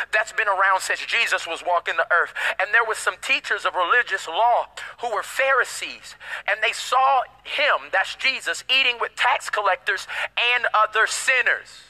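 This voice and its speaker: Man, pastor, sermon, very high pitch, bright piercing tone, call-and-response, slangy asides. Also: poor audio. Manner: emphatic call-and-response preaching.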